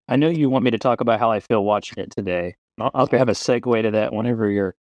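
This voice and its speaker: A man's voice: lowish voice, fast talker, darkish tone, no room sound. A younger man, a podcast guest, talking reflectively about films and hedging with fillers. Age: younger adult. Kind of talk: casual film discussion.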